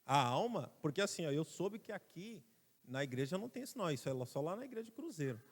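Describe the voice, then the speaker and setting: Brazilian male pastor, high voice, emphatic sermon delivery, long church reverb. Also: very animated, quick pace. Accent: Brazilian Portuguese. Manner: emphatic preaching, has the congregation repeat phrases after him. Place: church sanctuary.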